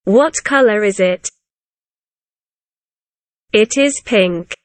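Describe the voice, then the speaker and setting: A beginner language teacher, a woman, gives a scripted vocabulary lesson, presenting simple words and phrases one at a time. She speaks very slowly, carefully, and simply, as if reading to a toddler, in a mid-range voice with no room sound.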